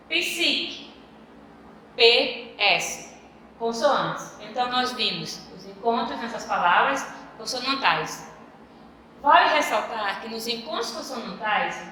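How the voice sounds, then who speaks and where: A woman teacher talks slowly and patiently, repeating each key word for young pupils. Her voice is bright and a little high. The room around her rings with a long, hollow reverb, and a faint ambience sits underneath. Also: a little hiss or hum. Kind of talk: video lesson for young pupils.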